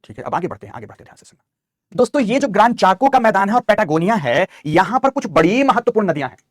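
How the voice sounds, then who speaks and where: A man's voice: high voice, big pitch swings, fast, no room sound, clean studio sound. A man teaching a geography map lesson. He repeats key terms and calls his students "beta". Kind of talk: online map lecture.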